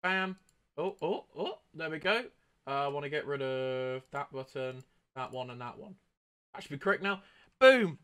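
A man's voice: fairly high pitch, lively intonation, normal speed, fairly bright tone, clear, resonant tone, no echo. A man streaming a train driving game, chatting casually and upbeat, throwing in sound-effect exclamations while he greets chat. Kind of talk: casual gameplay commentary.

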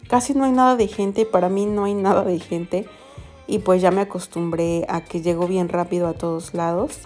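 A woman's voice: fairly low pitch, mellow. A young woman with a Mexican Spanish accent, chatting to her viewers in a casual vlog as she walks around town, telling stories with lots of giggles and exclamations. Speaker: vlogger. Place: walking around a quiet town center, then a café.

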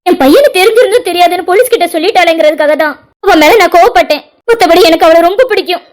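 Lady doing a cartoon mom, high voice, talks fast, justifying herself. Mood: defensive. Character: defensive middle-aged mother-in-law. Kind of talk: cartoon drama voice acting.

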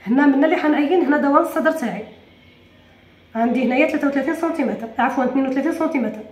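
A woman with an Algerian Arabic accent teaching a sewing tutorial, talking quickly to viewers and often correcting herself. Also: high voice, a little mellow, reverberant. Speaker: sewing instructor. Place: room at a cutting table.

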